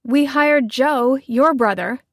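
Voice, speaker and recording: A woman's voice: high voice, slow, no room sound, clean studio sound, pitched above the performer's own voice. A woman voicing a petite, fiery female chef who talks raised and emphatic. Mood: defiant.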